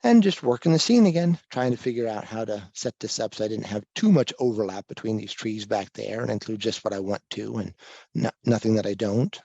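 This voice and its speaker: A man from Kansas giving a relaxed slide talk to a live audience on a microphone that pops, thinking aloud with small restarts. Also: fairly low pitch, fairly quick, creaky, husky, no echo, muffled recording. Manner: easygoing and self-deprecating, thinking aloud with restarts. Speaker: guest presenter at a photography talk. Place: library meeting room. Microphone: handheld or stand microphone with popping plosives.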